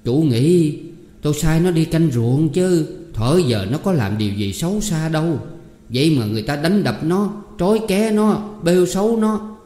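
A man's voice: a little high, animated, normal speed, warm tone, pitched above the performer's own voice, close to an everyday voice. A man voicing a worried, pleading village mother in a storybook reading, in an echoey room. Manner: tearful pleading. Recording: echoey room, long reverb.

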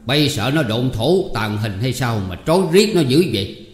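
A man's voice: medium pitch, expressive, moderate pace, lightly acted. A man playing a stern, commanding older male landlord in a storybook reading, recorded in an echoey room. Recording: echoey room, long reverb.

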